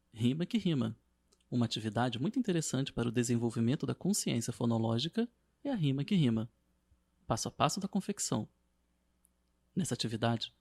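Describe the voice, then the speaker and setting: A man narrating a scripted lesson as a teacher, in a steady, measured reading. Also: medium pitch, vocal fry.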